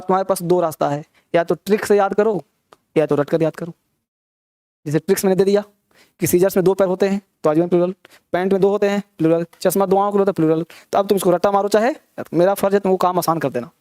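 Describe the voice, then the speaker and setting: A man's voice: high voice, a little mellow, no room sound, studio quality. A man teaching an English grammar class, teasing and scolding his students as he quizzes them with rhetorical questions. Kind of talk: classroom lecture.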